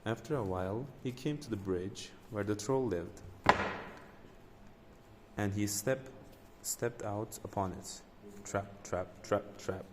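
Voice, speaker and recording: Man, storyteller, reading a folk tale, fairly low voice, slips and restarts. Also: darkish tone, in a large hall, slight background noise.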